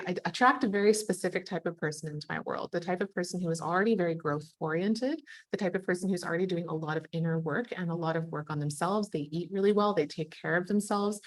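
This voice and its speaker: A young adult woman teaching an online nutrition master class, warm and affirming, with casual filler words. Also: fairly low pitch, no room sound. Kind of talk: live webinar teaching, reading chat comments.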